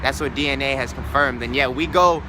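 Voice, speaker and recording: A man's voice: mid-range voice, brisk, background noise. A man hosting a motivational spiritual talk, earnest and reflective, repeating key words for emphasis, recorded outdoors near a street. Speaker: host of a self-help challenge series.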